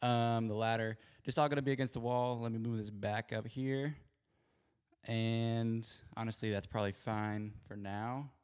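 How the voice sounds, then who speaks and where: A man's voice: mid-range voice, steady tone, normal speed, a little mellow, clear, resonant tone. A man hosting a sports show in casual livestream chat, rambling and apologetic, speaking into a handheld mic in an echoey home garage. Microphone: spare handheld mic.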